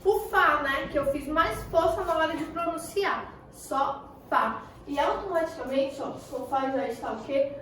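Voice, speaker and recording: A Brazilian woman teaching a primary class, asking questions and answering them herself while stretching the key words slowly. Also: high voice, animated, fairly bright tone, a little hiss or hum. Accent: Brazilian Portuguese. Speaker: schoolteacher. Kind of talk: recorded remote class lesson. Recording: echoey room, voice far from the mic.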